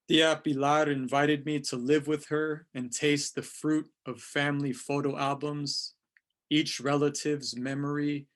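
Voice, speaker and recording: A man in his thirties from California, chatting casually and reading his poems slowly and deliberately. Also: fairly high pitch. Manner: slow, deliberate reading of verse. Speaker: poet, featured writer. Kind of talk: casual talk and poetry reading.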